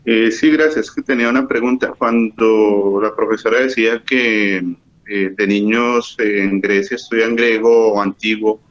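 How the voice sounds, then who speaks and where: A man from the audience asking a teacher a halting question, on a video call. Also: fairly low pitch, steady tone. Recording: dull lo-fi video call audio.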